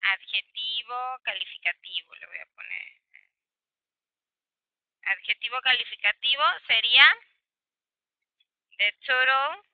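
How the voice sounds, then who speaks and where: A woman's voice: a little high, slow pace, pauses often, no room sound, phone-quality sound. A woman with a Mexican Spanish accent teaching an English grammar class, explaining patiently with many examples and switching between Spanish and English.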